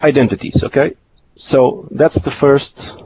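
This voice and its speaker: A man's voice: mid-range voice, fairly even intonation, a little slow, a little mellow. A man giving a technical webcast presentation, explaining slides in a hesitant, repetitive way. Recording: dull lo-fi webcast audio with hiss.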